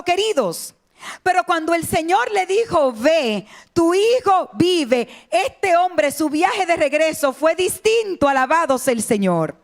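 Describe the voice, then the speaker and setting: A woman's voice: high-pitched, gravelly. A woman preaching a sermon fervently, calling out to the congregation and acting out the people in her story. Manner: fervent, acts out quoted voices, calls out to listeners.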